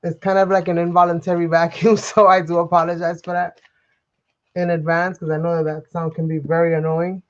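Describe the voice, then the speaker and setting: This craft livestream host talks fairly quickly in a fairly low, level voice, rambling sociably to viewers and sounding sniffly and unwell. Her home craft desk is filmed from an overhead camera with her out of frame, and the highs in the audio are cut off.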